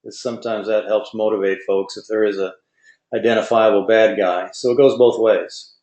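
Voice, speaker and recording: A man's voice: lowish voice, steady tone, moderate pace, a little mellow, roomy sound. A man moderating an online webinar Q&A, reading out audience questions with folksy asides.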